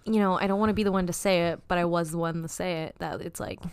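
Low gravelly woman, laid-back chat. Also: steady tone, fast talker, dry recording. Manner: laid-back, swears freely. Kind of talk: casual chat.

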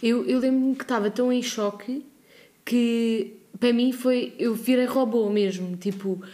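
A young woman with a European Portuguese accent talks in a high, bright-toned register. She tells her stories in a lively way and slips into the voices of the people she is quoting. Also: unhurried. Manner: animated storyteller acting out quoted phone calls. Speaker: podcast co-host. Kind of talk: casual chat.

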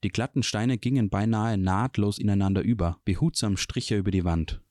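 A man reading a fantasy novel chapter aloud in a calm, even storytelling manner. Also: on the low side, a little fast, dry recording, clean studio sound. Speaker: audiobook reader. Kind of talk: scripted narration of a fantasy novel.

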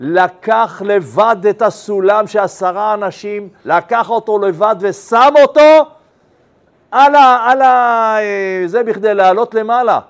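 A rabbi, a man with a high voice, teaches a Talmud lesson as a story. He shifts between raised and hushed tones and keeps checking in with his listeners by asking them questions. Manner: animated storyteller, swings between loud and hushed.

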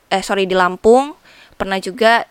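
A woman who grew up speaking Hokkien, telling personal stories in a casual, animated interview style, often repeating her phrases. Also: mid-range voice, moderate pace, clear, resonant tone, dry recording. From Indonesia. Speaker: interview guest.

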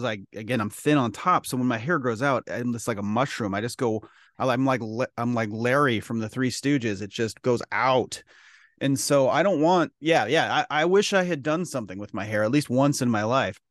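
A man's voice: medium pitch, no room sound. Joking middle-aged man, dry close sound. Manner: joking, self-deprecating, conversational. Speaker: podcast co-host. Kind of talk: casual chat.

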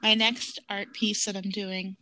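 Bright-voiced chatty woman. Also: mid-range voice, little pitch movement, unhurried. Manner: chatty, laughing, acts out quotes. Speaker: podcast co-host. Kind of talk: casual rewatch chat.

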